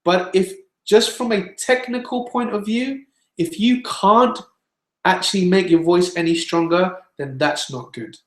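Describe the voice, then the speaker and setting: A man's voice: sits high, measured pace, fairly bright tone. A man teaching singing in an online webinar, explaining patiently and demonstrating scales. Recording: echoey room.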